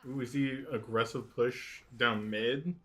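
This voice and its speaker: A man's voice: mid-range voice, steady tone, unhurried, a bit bright. A man co-commentating live on a video game match in a casual, reactive way with lots of interjections. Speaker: esports co-commentator.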